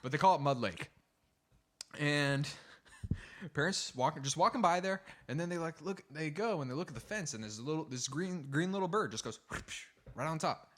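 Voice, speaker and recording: Young male co-host, casual storyteller, slightly high voice. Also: animated, moderate pace, fairly bright tone. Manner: rambling storyteller, laughs often. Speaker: podcast co-host. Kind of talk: casual comedy chat.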